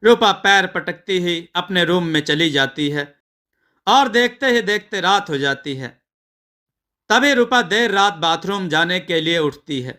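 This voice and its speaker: Male storyteller, measured narration, bright tone. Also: sits high.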